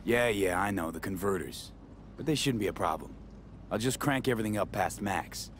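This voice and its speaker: A man's voice: lowish voice, lively intonation, moderate pace, lightly acted. A man playing a tough, tech-savvy streetwise mercenary in a video game, terse, dry and casual. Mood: dry, confident. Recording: faint vehicle noise behind voice.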